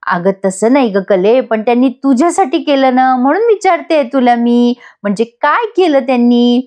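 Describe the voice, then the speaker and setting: A woman's voice: fairly high pitch, expressive, normal speed, a little mellow, lightly acted. A woman voicing a fussing mother who dotes on her son-in-law and scolds her daughter. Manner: scolding, nagging, rustic turns of phrase.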